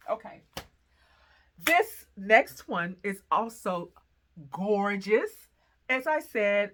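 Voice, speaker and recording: A middle-aged woman from the American Midwest, chatting excitedly to camera as a sewing vlogger, gushing and quick with asides. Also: mid-range voice. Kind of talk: casual chat to camera.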